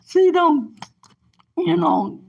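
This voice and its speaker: Slow, high-voiced rambling woman storyteller. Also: gravelly, highs cut off. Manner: rambling, repeats "you know" often; halting, restarts sentences. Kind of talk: casual personal storytelling.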